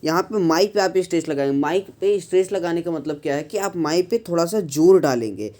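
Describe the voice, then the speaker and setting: A man teaching an English lesson, explaining step by step with frequent pauses and mixing English phrases into his speech. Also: on the high side, animated, darkish tone. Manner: mixes English phrases into Hindi, slows to model sentence stress; frequent pauses with "uh" and "thik hai".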